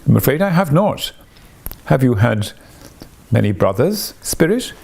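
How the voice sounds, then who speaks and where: Man playing a humbled, muttering old miser, creaky. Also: mid-range voice, big pitch swings, a little slow, a little mellow, exaggerated voice. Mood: timid. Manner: submissive, muttering. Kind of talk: storybook character reading.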